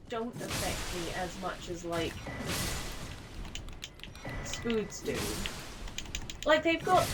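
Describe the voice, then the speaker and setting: A woman's voice: fairly high pitch, noisy background. Casual swearing woman chatting on stream. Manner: rambling, swears casually, many fillers. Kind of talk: casual chat.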